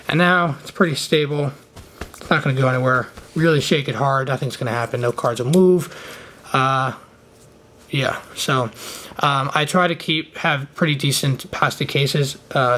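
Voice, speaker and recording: A man's voice: on the high side, fairly bright tone. A man with a slight lisp from wearing a retainer, giving a casual, off-the-cuff hands-on tutorial. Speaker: trading card hobbyist giving a how-to. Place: indoor room at a desk. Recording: noticeable background noise, handling clicks.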